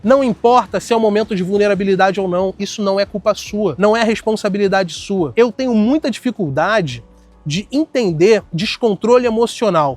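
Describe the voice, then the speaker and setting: Blunt brazilian guy talking straight at you, pretty high voice, soft music in the back. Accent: Brazilian Portuguese. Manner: firm, blunt, speaks in an even tone. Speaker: self-help video host. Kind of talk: direct motivational monologue with anecdotes.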